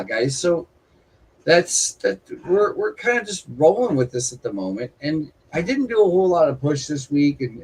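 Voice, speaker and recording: A man co-hosting a casual livestream chat, rambling a little with restarts and chatty shout-outs. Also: fairly high pitch, slightly rough, poor audio. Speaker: livestream co-host.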